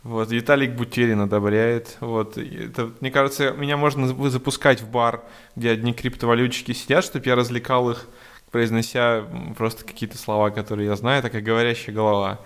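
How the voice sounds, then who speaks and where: Podcast co-host, man in his thirties, mid-pitched, playful self-mockery, drops to a mumble at phrase ends. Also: level tone, brisk, smooth. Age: 30s. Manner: self-mocking, jokey, trailing off quietly. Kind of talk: casual podcast chat.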